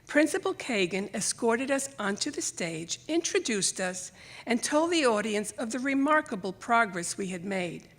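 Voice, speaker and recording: Standing on a library theater stage at a live event, a writer reads aloud from her scripted personal essay. She is an older woman who left Greece for the U.S. as a child and grew up speaking Greek or Italian; her voice sits on the high side at a moderate pace, and she performs the remembered conversations with storyteller flair.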